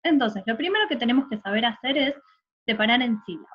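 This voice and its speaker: A woman's voice: fairly high pitch, lively intonation, quick pace, muffled recording, slight background noise. Patient woman teacher. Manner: patient, explanatory, checks understanding with tag questions. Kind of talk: recorded online lesson.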